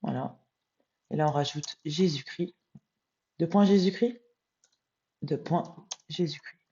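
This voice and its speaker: Tired woman, mellow voice, mutters while working, lo-fi home recording. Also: low-pitched. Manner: muttering to herself, reads passages slowly and emphatically. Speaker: medium transcribing a channeled text. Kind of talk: live screen-recorded transcription, thinking aloud.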